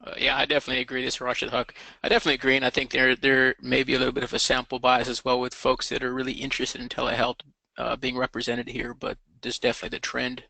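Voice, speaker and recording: A man talks off the cuff as a webinar panelist, racing along in a flat, gravelly voice. It has a close, unscripted conversational feel. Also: mid-range voice, very fast, no room sound, rough recording.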